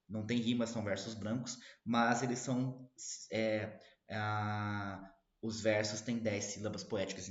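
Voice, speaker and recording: A man's voice: mid-range voice, roomy sound, muffled recording. A man with a Brazilian Portuguese accent teaching a literature lesson, reading verses rhythmically and explaining them with frequent tag words. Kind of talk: poetry reading and analysis lesson.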